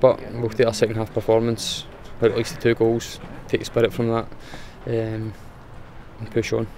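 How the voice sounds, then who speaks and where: Crowd noise surrounds a young Scottish footballer whose voice sits on the low side, completely flat and at a moderate pace. He gives a matter-of-fact, plain post-match interview outdoors in front of a sponsor board, often using fillers.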